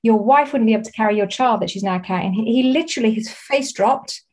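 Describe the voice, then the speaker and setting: A woman therapist as a guest in a casual chat, telling animated stories. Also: on the high side, quick pace. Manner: animated storyteller.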